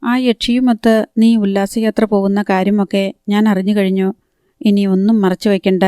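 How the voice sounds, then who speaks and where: A woman's voice: mid-range voice, flat delivery, moderate pace, clean tone, dry recording, clean studio sound, close to an everyday voice. A woman reading a curt, jealous young woman. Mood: curt angry. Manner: curt, sharp retorts.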